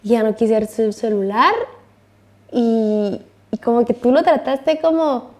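Animated young woman telling a story. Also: fairly high pitch, slow pace. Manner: animated, acts out quoted dialogue. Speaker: co-host of a couples' faith talk. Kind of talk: casual storytelling.

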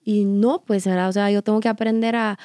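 A woman's voice: medium pitch, little pitch movement, a little fast, dark tone, no room sound, studio quality. A woman with a Guatemalan accent co-hosting a faith-based parenting talk, telling family stories in an earnest, conversational way. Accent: Guatemalan Spanish. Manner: earnest, storytelling, quotes inner voice. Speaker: podcast co-host.

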